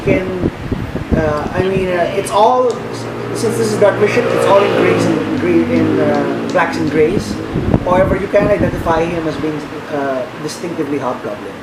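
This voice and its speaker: Guy running a tabletop game, kinda higher voice, hesitant, far from mic, loud noise behind. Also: very animated. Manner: halting, hesitant, searching for words. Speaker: game master. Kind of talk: improvised narration of a tabletop game. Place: echoey room. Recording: roomy, distant mic, loud background hum.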